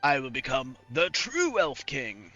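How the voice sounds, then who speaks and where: Man putting on a slow, menacing elf king villain. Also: mid-range voice, huge pitch swings, sharp tone, highs cut off, faint music behind, heavily acted. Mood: imperious threat. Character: evil gloating dark elf king villain.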